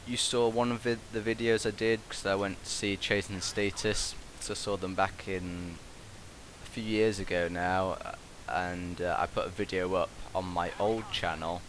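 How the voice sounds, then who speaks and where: A young man with a British accent and a low voice rambles casually through a commentary. He speaks hesitantly and meanders from thought to thought on a headset mic, with a steady buzz and hiss behind him. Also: moderate pace. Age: young adult. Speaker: gaming video commentator, university student. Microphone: gaming headset. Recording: constant buzzing, hissy background noise. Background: constant buzz and hiss.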